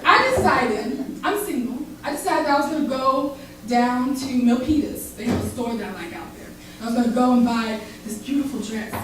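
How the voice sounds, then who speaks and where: A woman's voice: a little high, expressive, moderate pace, a bit bright, a little hiss or hum. A woman performing spoken word poetry live, with a rhythmic, dramatic delivery that rises and drops. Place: barbershop, live event. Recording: echoey live room recording from far off.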